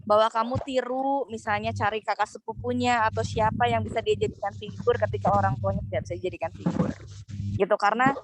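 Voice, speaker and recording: A woman's voice: fairly high pitch, fairly even intonation, fast talker. A woman speaking as a guest, earnestly explaining parenting advice. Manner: earnest, explanatory, acts out example quotes. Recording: noticeable background noise.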